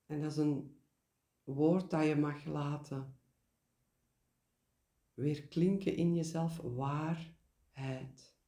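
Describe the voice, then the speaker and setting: A man guiding a meditation in a gentle, deliberate way, pausing and repeating key words. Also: a little high, steady tone, reverberant. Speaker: meditation guide. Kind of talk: guided meditation, spoken reflection.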